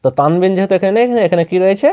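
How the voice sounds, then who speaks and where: This is a slow, spelled-out lesson in reading Quran letters, led patiently by a man who answers the questions he asks. He has a Bangladeshi Bengali accent and a mellow voice that sits high, and his delivery is rapid-fire.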